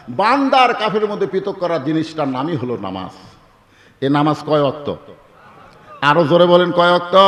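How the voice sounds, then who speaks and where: A man with a Bangladeshi Bengali accent preaching a sermon to a crowd, calling out for loud answers and swinging between shouts and low murmurs. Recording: echoey hall sound system.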